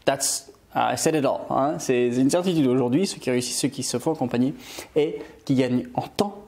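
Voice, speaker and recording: A man's voice: medium pitch, brisk, a little mellow. A man from Scotland, an online English teacher, giving an upbeat motivational video lesson and switching between French and English.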